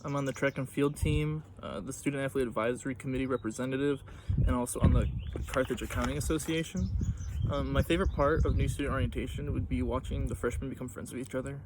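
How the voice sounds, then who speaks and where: A young man with an American accent introduces himself to new students at a brisk pace. His pitch is medium, and there is clear noise behind him. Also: steady tone. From Illinois, United States. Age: early 20s. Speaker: student orientation leader.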